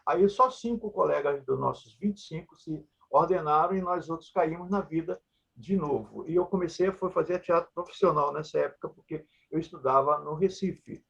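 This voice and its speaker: An older Brazilian man with a Maranhão accent rambles through his memories in a casual interview. His voice is gravelly and husky, pitched a little high. He is blunt and playful, and the recording sounds dull and lo-fi. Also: normal speed. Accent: Maranhão Brazilian Portuguese. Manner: blunt, joking, earthy and digressive. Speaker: puppeteer and researcher, guest.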